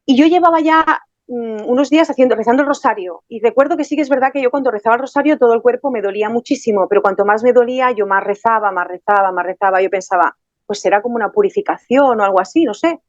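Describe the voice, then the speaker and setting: Woman, testimony guest, lively retelling; higher voice, dry dull sound. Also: fast, dry recording. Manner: animated storytelling with many fillers and restarts. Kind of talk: personal testimony in conversation.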